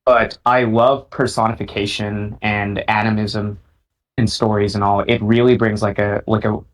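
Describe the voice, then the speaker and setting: A young man answering as a guest on a casual podcast, relaxed and talkative, full of fillers and restarts. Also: lowish voice, normal speed, low-quality recording. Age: young adult. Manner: relaxed and talkative, lots of fillers and self-interruption.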